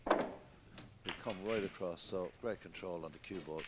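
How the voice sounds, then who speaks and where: Deep, hushed male snooker commentator, noisy background. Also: unhurried. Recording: noisy commentary recording with clicks.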